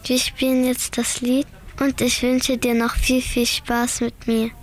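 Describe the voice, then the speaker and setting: A young woman hosts a casual radio interview with her mother. Her voice sits a little high and stays flat, with little rise and fall. She asks plain, steady questions. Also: a little slow. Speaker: interviewer, daughter.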